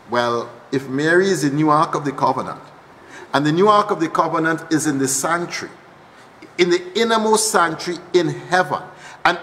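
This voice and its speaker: Trinidadian archbishop preaching, kinda high voice, big church echo. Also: male voice, fairly bright tone. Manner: teaching, repeats key lines for emphasis. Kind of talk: sermon.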